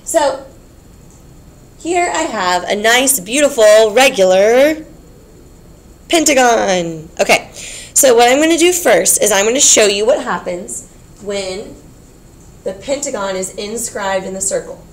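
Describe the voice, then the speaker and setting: A woman's voice: a little high, lively intonation, unhurried, long pauses. A woman teaching a geometry class, explaining patiently, repeating key points and checking in with her students. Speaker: math teacher.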